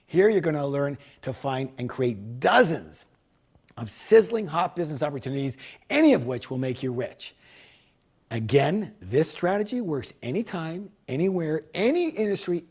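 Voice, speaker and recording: A man pitching a business course as a seminar speaker, emphatic and salesman-like, repeating key words for punch. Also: a little mellow, slightly rough.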